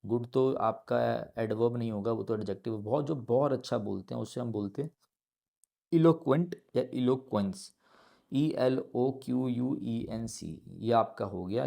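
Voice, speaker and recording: A man's voice: mid-range voice, creaky, dark tone. Indian man spelling words out in class. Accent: Indian English. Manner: mixes Hindi and English, spells words letter by letter. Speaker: English teacher. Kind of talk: exam-prep lesson explaining answers.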